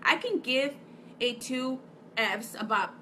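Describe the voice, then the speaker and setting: Woman spiritual vlogger with a bright, slightly high voice; fervent, preachy, hammers points by repeating them. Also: slow pace, slight background noise. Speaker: spiritual speaker and psychic reader. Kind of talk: impassioned spiritual vlog monologue.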